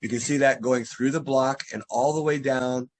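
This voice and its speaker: In an instructive, step-by-step manner, a drainage contractor takes a homeowner through materials during a video call, though his voice is wearing out. The man's pitch is medium and his tone steady, at a moderate pace, with restarts and fillers scattered through this remote walkthrough.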